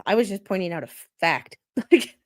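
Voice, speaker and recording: A woman's voice: mid-range voice, expressive, normal speed. A woman chatting on a casual livestream, blunt and plain-spoken, laughing between remarks.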